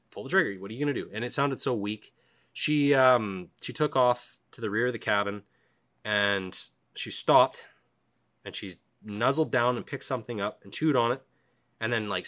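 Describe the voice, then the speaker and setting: Guy with a bright forceful voice, kinda low, swearing a lot while he tells his story. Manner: profane, animated, quotes his own thoughts. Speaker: guest telling a survival story. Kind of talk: casual storytelling.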